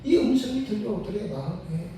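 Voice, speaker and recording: An older man, a retired senior pastor, preaches a sermon and tells a story in a church sanctuary, using emphatic, repeated phrases. His high voice is animated and a little fast, with a noisy background, and the sanctuary is very echoey with the mic placed far off.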